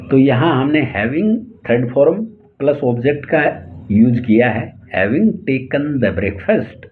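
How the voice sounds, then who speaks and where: A man with an Indian accent teaching English tenses in Hindi, slowly spelling out each example sentence word by word. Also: medium pitch. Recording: tinny phone-like lo-fi audio, faint hiss.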